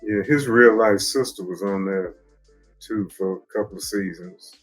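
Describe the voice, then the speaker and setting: His fairly low voice has a breathy edge, and he speaks at a moderate pace with faint music playing behind. As co-host of a TV discussion show, he chats casually about a drama, keeping it laid-back and often restarting sentences.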